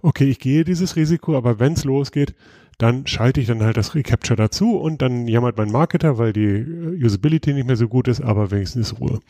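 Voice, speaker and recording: A man hosting a casual podcast, talking through topics at an easy, explanatory pace. His voice is mellow and warm, recorded close and dry with no room sound. He often hesitates and restarts mid-sentence. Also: mid-range voice, a little fast, dry recording. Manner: relaxed, explanatory, many filler sounds and restarts. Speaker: podcast host.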